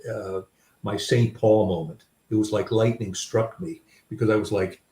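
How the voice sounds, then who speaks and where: An older man with a low voice tells candid, self-deprecating stories about himself, pausing and restarting as he reflects. His voice sits a little back from the mic. The room around him rings noticeably. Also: steady tone, dark tone, roomy sound, far from the mic, slight background noise. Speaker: author and guest. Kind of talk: reflective personal storytelling.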